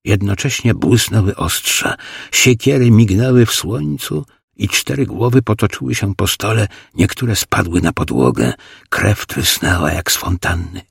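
A man reading an audiobook as narrator, in a slow, measured, grave manner on a close studio mic. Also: fairly low pitch, expressive, vocal fry, slightly rough, dry recording. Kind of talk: scripted narration.

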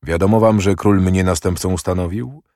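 A man's voice: sits low, steady tone, normal speed, dark tone, dry recording, clean studio sound. A man reading the part of a proud, impatient young prince who speaks curtly and mockingly. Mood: brusque. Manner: curt, brusque and mocking.

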